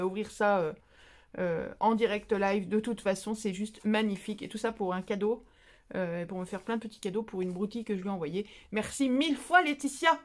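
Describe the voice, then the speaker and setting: A tired woman chats casually and playfully while opening her mail, often exclaiming and teasing herself. Her voice sits a little high. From France. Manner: chatty, playful, self-mocking, exclaiming. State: tired, voice going. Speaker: craft channel host.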